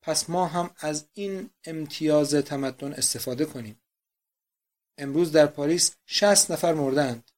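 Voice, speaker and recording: Man doing a loud scornful schoolmaster. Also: fairly high pitch, natural voice. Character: blustering boarding-school master, middle-aged man.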